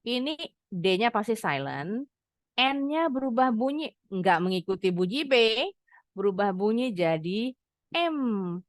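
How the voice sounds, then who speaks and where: A woman teaching an online English class, mixing explanation with slowly modeled words for students to echo. She speaks at an unhurried pace. The sound is close and dry. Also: mid-range voice, big pitch swings. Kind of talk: online English lesson for teens.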